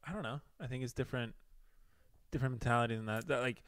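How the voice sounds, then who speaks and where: A young Venezuelan-born airline pilot appears as the boyfriend guest in a casual couple's Q&A. His voice is mid-range and fairly bright, his pace quick, and he chats in an easygoing, hesitant way full of fillers.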